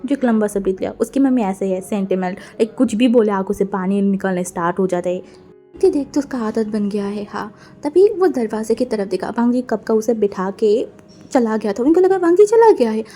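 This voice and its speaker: A woman's voice: mid-range voice, animated, fairly quick, dark tone, faint music behind. A woman narrating a fan fiction story aloud in a casual storytelling manner, mixing in English words.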